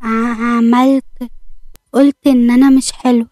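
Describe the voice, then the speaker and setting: A woman's voice: sits high, fairly even intonation, warm tone, no room sound, natural voice. A woman voicing a fiery young Egyptian heroine. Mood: flustered. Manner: quick-tempered, bashful.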